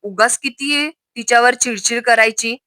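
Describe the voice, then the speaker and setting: A woman's voice: fairly high pitch, normal speed, bright, forceful tone, no room sound, clean studio sound. A woman voicing a cheerful, teasing young man who jokes with his friend's wife. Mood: earnest. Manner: teasing, playful.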